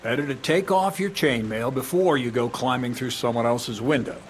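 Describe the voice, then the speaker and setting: A man playing a gruff medieval thief mentor. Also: medium pitch, moderate pace, faint music behind, close to an everyday voice. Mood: lecturing. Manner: blunt, coarse, lecturing. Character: gruff older male medieval thief, blunt and crude.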